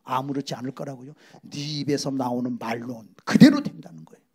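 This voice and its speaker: A middle-aged Korean male pastor preaching a sermon, emphatic, swinging from loud exclamations to hushed whispers. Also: medium pitch, steady tone, brisk, slightly rough.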